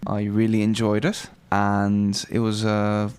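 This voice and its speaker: A man with a fairly low voice talks on a casual movie review podcast. He speaks in a measured, unhurried way. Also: completely flat delivery, a little mellow, clear, resonant tone. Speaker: podcast co-host.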